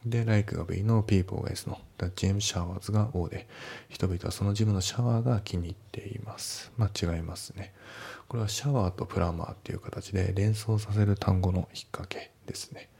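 A man tutoring English test questions in a relaxed, explanatory way with frequent filler words. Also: fairly low pitch, fairly quick, vocal fry, husky. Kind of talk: casual spoken lesson.

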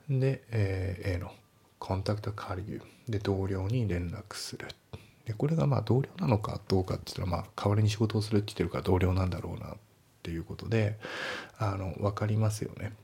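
A man's voice: deep voice, fairly quick, vocal fry, warm tone, breathy edge. A man teaching English for an exam, breaking sentences down step by step with casual asides. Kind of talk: spoken exam-prep lesson.

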